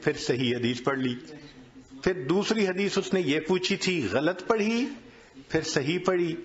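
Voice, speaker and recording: Animated male preacher telling a story. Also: on the high side. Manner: animated storyteller, acting out quoted exchanges. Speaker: religious scholar. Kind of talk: sermon storytelling. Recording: dull lo-fi recording.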